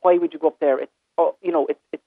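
A man with an Irish accent speaking informally and a little haltingly as a caller in a casual conversation. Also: a little high, fairly even intonation, no room sound. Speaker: phone-in caller, hospitality business owner or manager. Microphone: telephone. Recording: tinny phone line.

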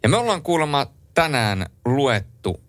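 A man's voice: medium pitch, very animated, dry recording. A man hosting a late-night radio talk show, announcing songs and chatting with his co-host, with hesitant fillers.

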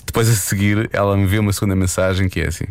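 A man's voice: sits low, level tone, racing, dry recording. A man hosting a radio show in a casual, hesitant way, full of fillers. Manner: laughing, loose and hesitant, with many fillers.

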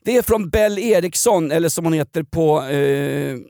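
A man's voice: a little high, creaky, warm tone, dry recording, clean studio sound. A middle-aged man from Sweden hosting a podcast, joking and mock-outraged in casual comedic banter. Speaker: podcast host.

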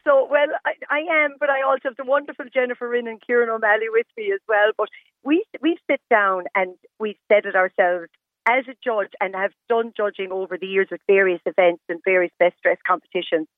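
A woman's voice: medium pitch, fairly quick, dry recording. A woman with a west of Ireland accent, speaking emphatically as a guest in a live radio phone interview, often restating points in short parallel phrases. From Galway, west of Ireland. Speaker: interview guest, stylist and fashion competition judge. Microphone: telephone. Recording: muffled narrow-band phone line.

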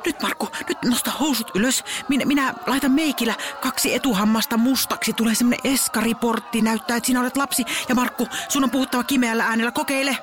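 A woman's voice: fairly high pitch, hardly any pauses, over music, close to an everyday voice. A woman voicing a frantic middle-aged mother who fires off bossy, urgent orders.

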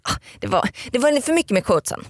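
A woman co-hosting a podcast, giving short replies and dry teasing remarks in casual chat. Her pitch moves a lot, and the close, dry recording has no room sound. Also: very animated, no echo. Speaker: podcast co-host.

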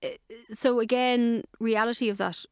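A woman's voice: on the high side, steady tone, moderate pace, clean tone, dry recording, clean studio sound. A woman hosting a conversational interview, steering topics and asking questions. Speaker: show host.

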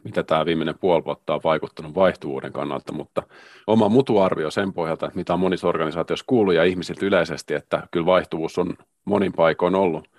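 A man co-hosting a podcast, speaking in a measured, hedging way in a casual discussion about work. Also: low voice, dry recording, studio quality. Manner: measured, hedging, many restarts. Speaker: podcast co-host.

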